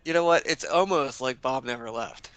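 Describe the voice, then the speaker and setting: Gravelly, forceful-voiced male commentator. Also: medium pitch, moderate pace, no echo. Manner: joking, chuckling banter. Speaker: sports commentator. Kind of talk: casual live sports commentary.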